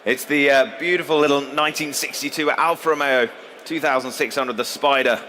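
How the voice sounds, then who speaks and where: A man's voice: medium pitch, steady tone, a little fast, pushed and bright. A man working as an auctioneer, presenting lots and opening bids with polished, appreciative sales patter. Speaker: classic car auctioneer. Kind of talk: live auction lot introduction and bid calling. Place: large indoor show hall, live saleroom. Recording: reverberant hall, faint background noise.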